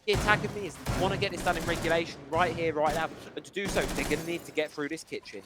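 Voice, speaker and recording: A man calls an esports match play-by-play, his voice sitting high and lively. He exclaims at the big plays. Game gunfire and noise run loudly underneath. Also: quick pace. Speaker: esports caster. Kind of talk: play-by-play commentary. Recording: noisy game stream with gunfire.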